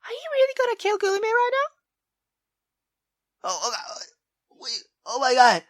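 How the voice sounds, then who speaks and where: A woman with a very high voice and huge swings in pitch talks at a normal speed, recorded in clean studio sound with no room echo. She's playing a visual novel, reading stretches aloud and breaking off for casual, sweary reactions and hesitant thinking out loud.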